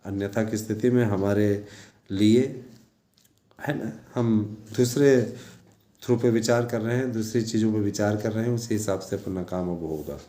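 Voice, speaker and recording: A man with a lowish, dark voice, a teacher and online news presenter, speaks at normal speed in an informal monologue to his followers. He exhorts them repetitively, frequently adding check-in tags, and the recording has echoey room sound.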